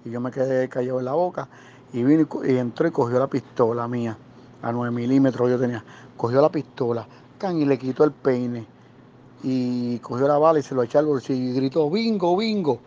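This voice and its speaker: A man's voice: medium pitch, a little fast. A man with a Puerto Rican accent telling true stories from his days as a security guard in a casual, slangy way, acting out the people he quotes. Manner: animated, acts out quoted voices, slangy. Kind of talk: casual storytelling. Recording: dull lo-fi recording with faint noise.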